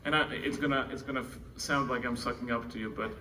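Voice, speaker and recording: This Czech-accented speaker from the Czech Republic talks fast, his medium pitch and fairly even intonation carrying an informal introduction of his co-founder. The setting is an indoor conference room, picked up by a far-off mic with slight noise and ambience.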